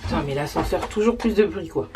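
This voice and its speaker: Hurried woman vlogging on a noisy street. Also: fairly low pitch, animated. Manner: hurried and exasperated, mixes in English phrases. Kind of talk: casual day-in-my-life vlog chat. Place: outdoors on city streets and at a bus stop. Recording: street noise and passing vehicles behind.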